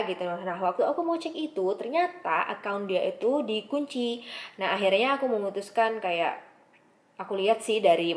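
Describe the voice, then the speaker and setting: A young woman telling a story in a casual vlog, chatty and animated, acting out the messages she read. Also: medium pitch. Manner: chatty, animated retelling with frequent filler tags. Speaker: vlogger.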